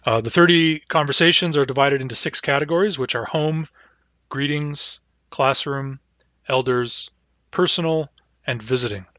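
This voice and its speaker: A man teaching a language class online, talking in a halting way with frequent fillers. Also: mid-range voice, sharp tone, no echo.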